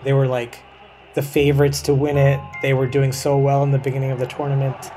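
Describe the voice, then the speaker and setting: Man from pakistan, reporter being interviewed, relaxed and chatty, middle pitch, faint music. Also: brisk. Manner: relaxed, chatty, frequent "like" and "you know". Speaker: senior producer and reporter. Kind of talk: casual conversational interview.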